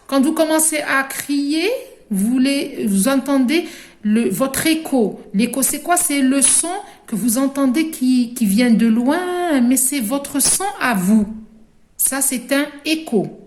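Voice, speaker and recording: A slow, deliberate woman with an Algerian French accent teaches a class of young children, stretching each word so they can repeat it. Her voice sits a little high. The room gives it a clear echo. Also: darkish tone. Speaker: primary school teacher. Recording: echoey room.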